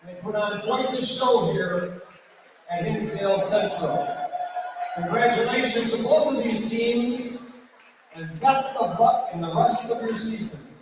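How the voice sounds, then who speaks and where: Over a public address system in a big indoor school gymnasium, a man with a high voice reads out formal award-ceremony announcements at a measured pace. The gym PA sound is echoey and distant, with faint noise.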